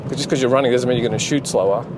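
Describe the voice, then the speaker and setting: Man, casual driving vlog, rambling with fillers, middle pitch, loud road noise from inside a car. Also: rapid-fire. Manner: rambling, full of fillers and restarts. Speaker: game developer and channel host.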